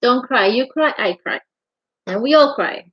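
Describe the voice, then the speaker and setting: A middle-aged livestream host chats affectionately from her home craft room, greeting viewers as honey in a casual stream. Her voice is on the high side, animated and slightly rough, with a measured pace, and the audio is dull and lo-fi.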